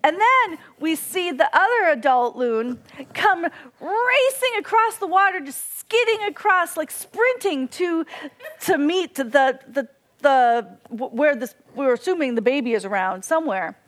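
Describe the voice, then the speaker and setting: A woman giving a devotional talk, telling a story in an earnest, animated way and imitating bird cries. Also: high-pitched, a little slow. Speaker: devotional speaker.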